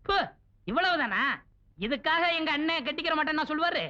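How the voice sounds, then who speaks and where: A man's voice: extremely high pitch, animated, brisk. An actor playing a cheeky matchmaker who is out for his commission, in mocking, giggly comic film dialogue. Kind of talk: 1990s film comedy dialogue. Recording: dull old film soundtrack with faint hiss.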